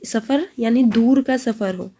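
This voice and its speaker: A woman teaching children Islamic supplications, reciting Arabic slowly and explaining in with English words mixed in. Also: a little high, mellow. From India. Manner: mixes English into Urdu, reads Arabic slowly and deliberately. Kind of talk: slow, patient dua lesson, recites and translates.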